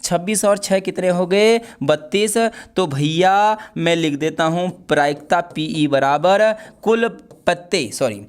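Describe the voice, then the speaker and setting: A man teaching math for an exam. He is playful and animated, talks straight to his students and repeats the key points. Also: sits high, a little slow, few pauses, clear, resonant tone. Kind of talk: exam-prep video lesson.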